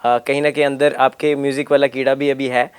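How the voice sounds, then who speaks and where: A young man hosts a studio podcast, and his voice is smooth and clear. He asks his guest questions in relaxed chat and fills the gaps with short agreeing sounds. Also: medium pitch, fairly quick. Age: young adult. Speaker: podcast host. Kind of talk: casual interview chat.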